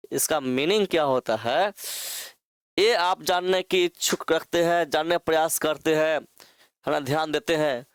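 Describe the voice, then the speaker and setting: Male tutor, somewhat high voice, dry close mic, slow repetition while writing on the board. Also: clean tone, dry recording. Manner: repeats words slowly while writing them out. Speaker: teacher. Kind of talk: online exam-prep lesson.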